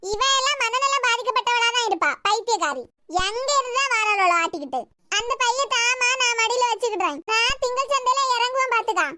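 Woman voice artist, Kanyakumari Tamil; voices a whole cartoon cast, very high and bright, quarrelsome banter. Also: lively intonation, brisk. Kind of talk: voicing all cartoon characters.

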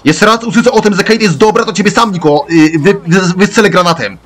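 A man commentating over a video game playthrough. He rants excitably and shouts at the characters on screen. His voice sits slightly high. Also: a little fast. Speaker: let's play gamer. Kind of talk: gameplay commentary.

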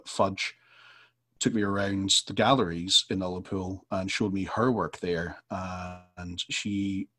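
Husky-voiced man, halting on a call. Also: fairly low pitch. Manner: hesitant, full of restarts and fillers. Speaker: comics artist. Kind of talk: online panel talk. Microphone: video call.

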